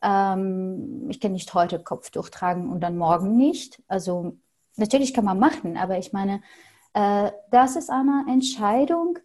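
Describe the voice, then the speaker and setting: Syrian woman guest, relaxed dark timbre, pauses to think. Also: medium pitch. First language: Arabic. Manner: thoughtful, hesitant with frequent fillers. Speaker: interview guest. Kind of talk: conversational interview.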